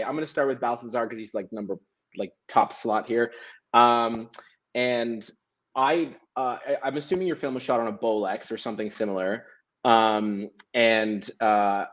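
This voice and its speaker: A man who is a film director, asking a fellow panelist a question in a nervous, rambling, effusive way. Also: mid-range voice. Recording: dull lo-fi sound.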